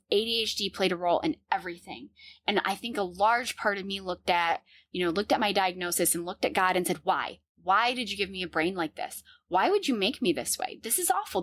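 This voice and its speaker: A woman's voice: on the low side, fairly bright tone, breathy edge, no room sound. A woman in her thirties hosting a podcast, telling her personal story in a candid, earnest way and laughing often. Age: 30s. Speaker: podcast host.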